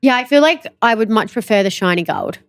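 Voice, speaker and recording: A woman's voice: on the high side, expressive, fairly quick, clean tone, no room sound, studio quality. A woman in her late twenties from Australia, co-hosting a podcast in casual chat. She laughs often and fills her talk with "like". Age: 20s. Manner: chatty and giggly, says "like" often. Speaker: podcast co-host.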